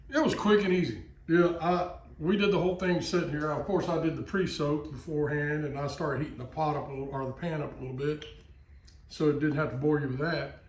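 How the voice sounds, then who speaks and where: A man's voice: on the high side, slight background noise. Folksy Texan man, roomy distant sound. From Texas. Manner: chatty and folksy, with many fillers and asides. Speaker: cooking vlogger. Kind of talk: casual cooking chat. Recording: echoey, from off-mic, frying in background.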